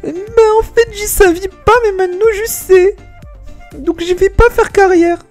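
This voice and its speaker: A man voicing a young female hunter in a high falsetto, squeaky and exaggerated, while playing a game. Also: steady tone, unhurried, faint music behind. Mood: flippant. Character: young female hunter, nervous then trigger-happy.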